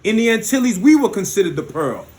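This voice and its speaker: Performing spoken word poetry, an American man rhymes rhythmically and hits emphatic peaks, with brief spoken asides between pieces. He has a high, somewhat mellow voice, a sing-song manner, and talks fast.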